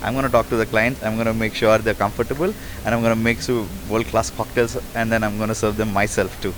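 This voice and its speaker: Talking fast in a lowish voice with little pitch movement, a man who owns a bar boasts in a casual interview. He comes across as a brash, emphatic promoter.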